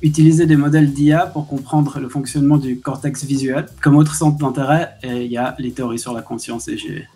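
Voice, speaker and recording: A man from Switzerland answers interview questions as a researcher. He speaks in a thoughtful, measured way and sometimes pauses to hesitate. His pitch sits in the middle range. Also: fairly even intonation, mellow, soft background music. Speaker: researcher guest.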